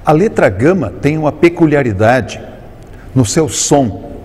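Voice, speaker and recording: A man with a Brazilian Portuguese accent teaching Greek in a recorded lesson, explaining terms slowly and carefully and drawing out each Greek word. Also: a little high, expressive, noisy background. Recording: long reverb on the voice.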